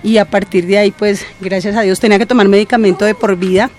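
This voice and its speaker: A woman's voice: medium pitch, quick pace, faint music behind. Older Colombian woman telling her story. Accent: Colombian Spanish. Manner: animated testimony. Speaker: radio listener guest. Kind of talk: casual on-air chat.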